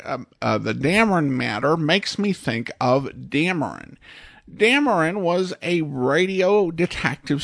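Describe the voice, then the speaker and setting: An American man hosting a podcast with conversational, somewhat halting commentary on radio shows. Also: a little high, vocal fry, fairly bright tone, dry recording, clean studio sound. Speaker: podcast host.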